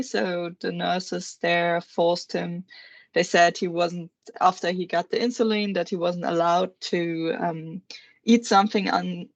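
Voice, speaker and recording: A young woman speaks in a lowish register with a gravelly edge, stopping and restarting with plenty of fillers. Her voice is close and dry, and it comes over a dull lo-fi video call line. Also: no room sound. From Germany. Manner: hesitant, full of fillers and restarts. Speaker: nursing student. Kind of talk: presenting a case report in a video meeting.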